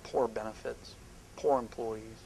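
A middle-aged man speaking at a live seminar on a small indoor stage, emphatic and animated, sometimes dropping to hushed asides. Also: fairly low pitch, unhurried, vocal fry, a little hiss or hum, low-quality recording.

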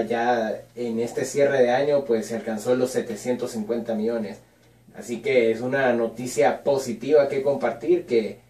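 A man's voice: medium pitch, recorded from a distance. A man with a Honduran Spanish accent, a radio co-host reading a news item steadily in a small studio. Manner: steady newsreader delivery. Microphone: boom mic at a desk, headphones on. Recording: echoey room, voice picked up from afar.

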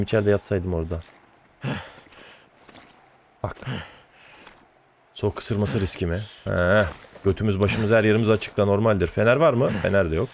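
A man's voice: on the low side, a little mellow, a little hiss or hum. A man giving let's play commentary as he plays, talking to himself and swearing often in exasperation. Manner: talks to himself while playing. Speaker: gaming channel host.

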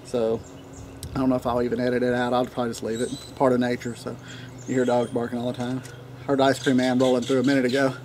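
On a wooden deck in a leafy yard, this Tennessee man reviews pipe tobacco in a relaxed, meandering vlog, pausing often in a monotone, slightly mellow voice of average male pitch. The camera sits a few feet away, picking up birds, the odd dog bark, light outdoor ambience, and a bit of hiss or hum.

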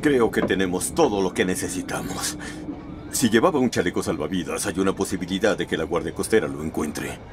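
Measured older officer, gravelly, dubbed drama, noisy engine ambience. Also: male voice, deep voice. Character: older male police officer, measured and blunt. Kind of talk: dubbed film drama acting. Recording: film scene with noisy outdoor ambience.

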